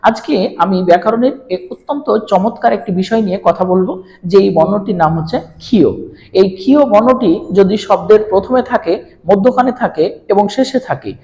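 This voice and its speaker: A teacher giving an online pronunciation lesson, asking questions and answering them himself, and slowly repeating example words. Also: medium pitch, a little mellow, big-room sound, rough recording.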